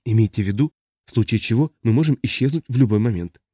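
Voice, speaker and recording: A man's voice: mid-range voice, quick pace, warm tone, no echo, studio quality, natural voice. A man voicing a stubborn, guarded traveler who refuses to give answers. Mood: defiant.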